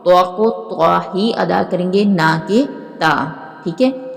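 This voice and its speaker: A woman teaching Quran recitation, explaining pronunciation and then reciting verses slowly with long drawn-out, melodic vowels. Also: fairly low pitch, gravelly, in a large hall. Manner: slow and deliberate, stretching recited words melodically. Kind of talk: slow recitation lesson with explanations.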